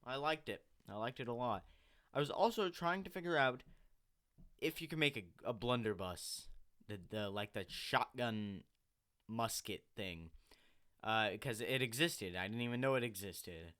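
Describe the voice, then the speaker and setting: Bright-voiced man rambling over gameplay. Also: mid-range voice, measured pace, smooth. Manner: rambling, self-correcting, chatty. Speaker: gaming channel host. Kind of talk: casual voiceover commentary on gameplay.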